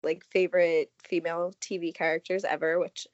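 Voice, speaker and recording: A podcast co-host chats casually, her voice nasal and scratchy from a cold as she rambles with a constant "like". She speaks a little fast in a lowish voice with little pitch movement, and the dry, slightly dull lo-fi audio has no echo.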